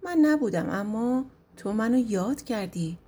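A woman's voice: on the high side, lively intonation, warm tone. A woman voicing Azrael, a stern mocking angel of death. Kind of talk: storybook narration.

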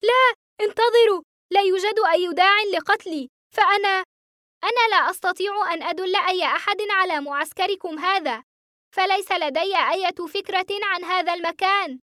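A woman voicing a frightened teenage boy held captive, pleading in high-strung outbursts. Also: brisk, bright, forceful tone, no echo, clean studio sound. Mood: panicked pleading.

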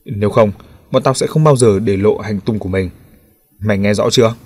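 A man's voice: lowish voice, a little fast, a little mellow, breathy edge, dry recording, clean studio sound, faint music behind. A man voicing a stern police officer who talks down coldly and threateningly. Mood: cold threat. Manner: cold and threatening.

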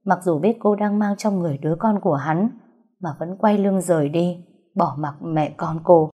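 A woman narrating a story in a steady, even reading voice. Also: lowish voice, normal speed, breathy edge, muffled recording. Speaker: audiobook narrator.

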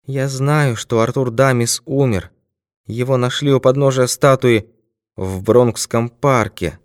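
A man reading an audiobook, voicing a hoarse, blustering male villain who raises his voice in indignation. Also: medium pitch, steady tone, a little slow, dry recording, studio quality, voice pushed up, close to an everyday voice.

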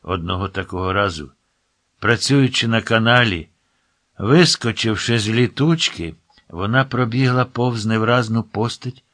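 A man with a fairly low voice narrates a literary story, measured and wry in his delivery. The recording is close and dry, with no room sound at all. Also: a bit bright, no room sound.

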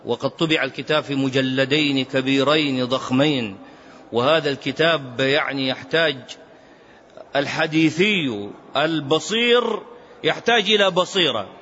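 A man's voice: medium pitch, moderate pace, fairly bright tone. A man teaching a classical text as a sheikh, explaining in an emphatic lecturing way that rises sharply when he is stirred. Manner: chants Quranic verse in a melodic recitation. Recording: dull lo-fi recording with faint noise.

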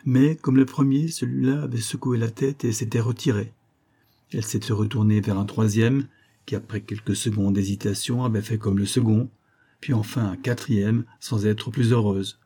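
Male narrator, mellow husky tone, steady novel reading. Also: lowish voice, moderate pace. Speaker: audiobook narrator. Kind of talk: scripted narration.

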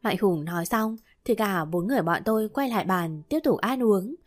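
A woman reading a first-person romance novel aloud in an even, steady storytelling manner. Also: medium pitch, moderate pace. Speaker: narrator. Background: soft background music.

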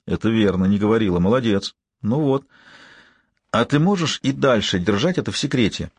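A man voicing a soft-spoken, manipulative man who calmly coaxes his young niece into keeping a secret. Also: fairly low pitch, fairly quick, breathy edge, dry recording. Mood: coaxing. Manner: soft, calm and coaxing.

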